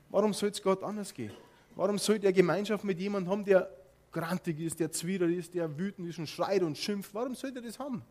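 A man with a Bavarian accent preaching a sermon, asking his listeners direct questions and walking them through a live demonstration. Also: high-pitched. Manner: lively, addresses listeners directly with rhetorical questions.

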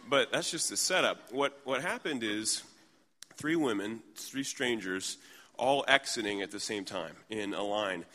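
Bright-voiced pastor preaching in a reverberant hall. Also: male voice, mid-range voice. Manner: conversational, humorous, animated when telling stories. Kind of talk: sermon with storytelling. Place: church in New York.

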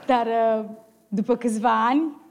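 A woman giving a personal testimony in short phrases, pausing for an interpreter. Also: a little high, steady tone, background noise.

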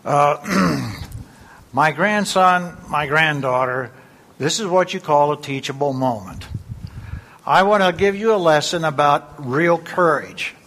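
A man's voice: on the high side, animated, slow, a bit bright, exaggerated voice. A man playing a blustery, bossy grandfather in an amateur church skit. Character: gruff grandfather who wants to go bowling.

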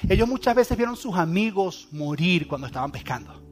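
A man preaching a sermon, dramatic, going from loud emphatic lines to hushed near-whispers. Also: high-pitched, big pitch swings, brisk.

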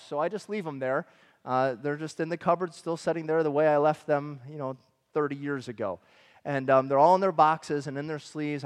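High-voiced male preacher in a reverberant hall. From Michigan. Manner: conversational preaching with animated asides. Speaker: pastor. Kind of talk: sermon.

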